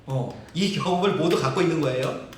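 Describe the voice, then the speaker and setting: A man's voice: a little high, brisk, slight background noise. A male pastor preaching a sermon, telling the story vividly, acting out quotes and chuckling. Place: church sanctuary. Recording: very echoey hall, distant mic.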